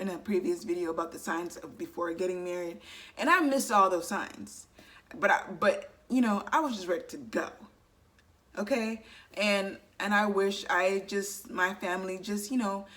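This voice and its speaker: A young woman in her twenties talks straight to camera as a vlogger, earnest and chatty. Her voice sits at an ordinary middle pitch, and she keeps dropping in "you know" asides. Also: a bit bright. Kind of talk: casual advice talk to camera.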